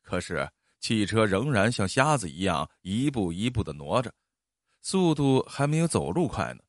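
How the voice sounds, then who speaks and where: A man narrating a story in an expressive, animated storytelling style. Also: lowish voice, moderate pace, no echo, clean studio sound.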